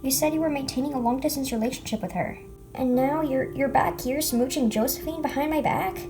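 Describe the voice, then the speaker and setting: A woman with a high voice voicing a young female toy pet who stammers and hesitates, over faint background music in an amateur toy video. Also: brisk, natural voice. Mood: flustered.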